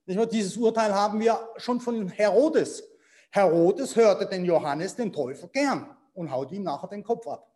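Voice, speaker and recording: A man preaching a sermon, reading Bible verses and explaining them with asides to his congregation, moving between quiet remarks and emphatic points. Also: high voice, lively intonation, normal speed.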